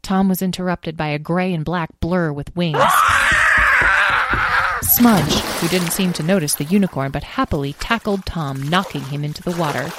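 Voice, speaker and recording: Low-voiced woman reading a storybook. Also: normal speed, very noisy. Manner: expressive, lively emphasis. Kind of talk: storybook narration.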